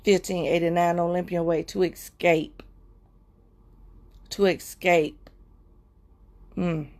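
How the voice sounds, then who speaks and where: A woman hosts a livestream and shares a heartfelt personal testimony with her viewers, using a repetitive, preacher-like cadence that often slows and sinks into soft murmurs. Her pitch is fairly low and her intonation fairly even.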